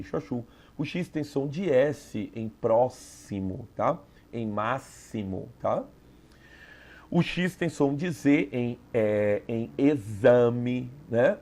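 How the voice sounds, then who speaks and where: Gravelly-voiced Brazilian man teaching. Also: medium pitch, a little mellow. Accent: Brazilian Portuguese. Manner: explanatory, frequent "tá?" checks. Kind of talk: exam review lesson.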